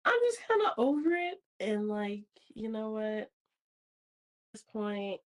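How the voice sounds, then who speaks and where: A woman's voice: mid-range voice, sing-song, a little slow. A young woman co-hosting a podcast in casual chat, teasing in a dry, matter-of-fact way. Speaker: podcast co-host.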